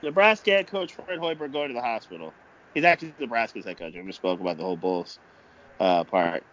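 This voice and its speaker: A man giving improvised amateur wrestling commentary, speaking haltingly and often repeating himself. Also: mid-range voice, expressive, fairly bright tone, dull audio.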